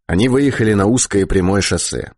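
Male audiobook narrator, low husky voice, lively pitch, dry close sound. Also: brisk, no echo. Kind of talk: audiobook reading of science fiction.

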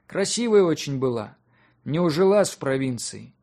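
A man's voice: a little high, animated, normal speed, darkish tone. A man reading a weary middle-aged male village elder who talks in a plain, chatty, complaining way. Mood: grumbling.

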